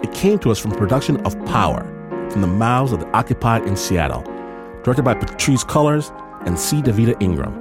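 A male host thanking a storyteller in a lively way. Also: fairly low pitch, fairly quick, music in the background.

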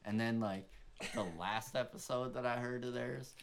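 A man hosting a casual podcast, telling stories in an animated way and swearing a lot. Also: mid-range voice, moderate pace, vocal fry, a little hiss or hum. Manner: profane, animated storytelling. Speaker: podcast host.

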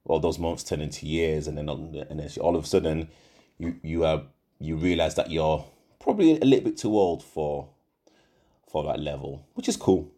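This middle-aged English host, with a Yorkshire accent and an animated bass voice, rambles through his solo podcast at a moderate pace. His tone is dark, and he uses lots of fillers and corrects himself often.

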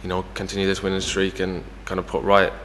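Fast-talking young Irish man, deep flat voice. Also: in a large hall, slight background noise. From Ireland. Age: young adult. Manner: chatty, many fillers like "you know". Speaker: footballer guest. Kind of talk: casual interview.

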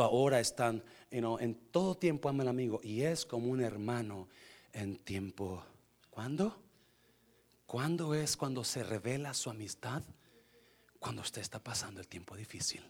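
A man preaching a sermon in Spanish to his congregation, slipping English phrases in and swinging between hushed, intimate talk and loud, shouted passages. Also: on the low side, slightly rough. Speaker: pastor.

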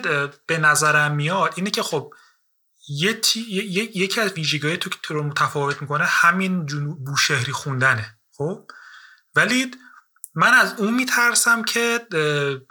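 Bright-voiced male interviewer, halting. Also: a little high. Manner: searching for words with many fillers and restarts. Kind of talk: casual interview talk.

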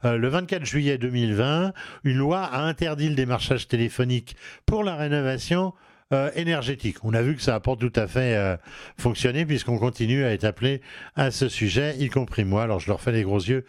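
A man's voice: mid-range voice, brisk, dry recording, studio quality. A man with a regional French accent hosting a home advice talk show, hesitant with many fillers and restarts. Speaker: radio show host.

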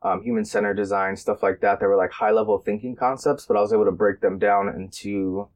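A man born in London and raised in New Jersey, talking casually as a teacher guest, relaxed and rambling with lots of fillers. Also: on the low side, a little fast. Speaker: guest, middle school engineering teacher. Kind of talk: casual conversation.

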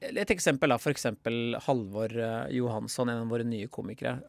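A man, a stand-up comedian from southern Norway, chatting as a podcast guest, laughing often and bursting into loud mock quotes. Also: mid-range voice, vocal fry, no echo. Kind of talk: casual podcast interview.

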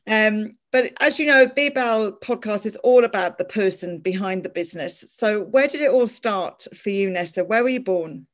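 A woman's voice: medium pitch, lively intonation, normal speed, hardly any pauses. An Irish woman hosting a podcast, talking casually with many fillers and easy laughs. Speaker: podcast host. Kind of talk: casual interview chat.

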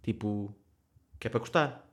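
A young man with a European Portuguese accent, telling a story in a casual podcast chat, lively and laughing often. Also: on the low side, normal speed. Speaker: podcast co-host.

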